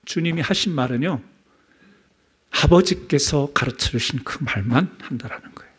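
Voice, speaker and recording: A man preaching a sermon in a church, asking the congregation questions and dropping from loud emphasis to near-whispers. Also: fairly high pitch, lively intonation, normal speed, slightly rough. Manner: asks the congregation rhetorical questions. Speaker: pastor. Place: church sanctuary.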